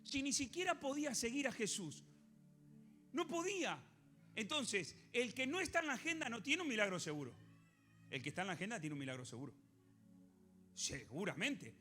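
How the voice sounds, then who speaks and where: Animated Argentine pastor preaching. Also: male voice, very high-pitched, normal speed, pauses often, soft background music. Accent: Argentine Spanish. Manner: animated, questions the congregation, acts out biblical voices. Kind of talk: sermon.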